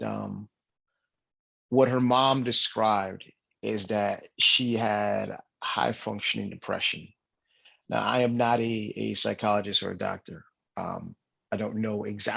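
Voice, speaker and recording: A man's voice: lowish voice, vocal fry, pushed and bright, husky, highs cut off. A young adult man co-hosting a podcast, talking casually but earnestly and acting out the voices he quotes. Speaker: podcast co-host.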